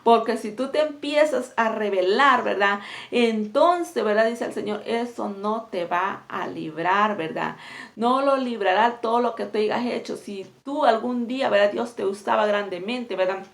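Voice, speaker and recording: Exhorting woman preacher, gravelly high voice. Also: moderate pace. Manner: constantly inserts "¿verdad?" and "¿me entiendes?"; exhorting, earnest. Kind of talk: sermon.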